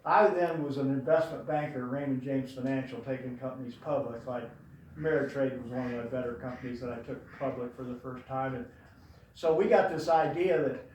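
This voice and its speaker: A man's voice: medium pitch, brisk, a little mellow, slight background noise. An older man speaking at a memorial, telling fond, rambling stories about his late brother with many fillers. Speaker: eulogy speaker. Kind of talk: storytelling at a memorial. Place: large room before an audience. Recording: very echoey room, voice from far off.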